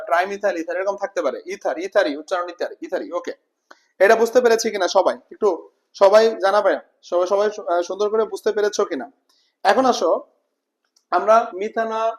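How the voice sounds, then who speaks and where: A man, teaching an informal exam-prep chemistry lesson, repeating terms slowly and asking students whether they follow. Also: high-pitched. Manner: repeats terms slowly, checks understanding with questions. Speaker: chemistry tutor.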